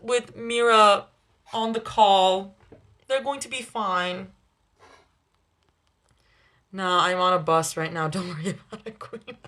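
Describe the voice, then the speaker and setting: A young woman chatting casually on a livestream. She reacts to viewers with quick asides, and she laughs often. Her voice sits at an ordinary middle pitch. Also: fairly bright tone. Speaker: livestream host reading chat. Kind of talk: casual live chat with viewers.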